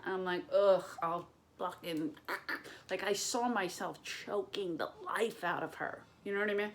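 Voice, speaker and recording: A woman stand-up comedian talking straight to a camera propped on boxes and books at home. She tells a story in a loose, casual way, full of swearing. She acts out the voices of the people in it as she goes. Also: mid-range voice. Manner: profane, animated storytelling with acted-out quotes.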